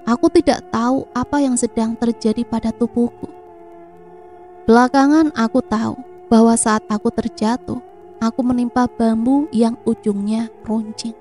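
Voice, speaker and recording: A woman narrates a first-person horror story in a steady, somber manner. Her voice sits slightly high but has a dark, mellow tone, with faint music in the background.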